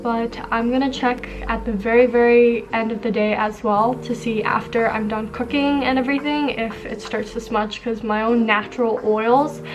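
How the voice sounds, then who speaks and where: A young Taiwanese beauty vlogger with a fairly high voice chats casually to a close camera in a small bedroom, upbeat and filling her speech with fillers.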